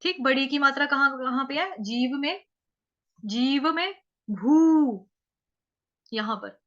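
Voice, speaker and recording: Female chant teacher. Slow, deliberate delivery and a high, bright voice. Dull lo-fi recording. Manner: slow drawn-out chanting of verse, then quick chatty explanation. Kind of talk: step-by-step pronunciation lesson. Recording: slightly dull lo-fi audio.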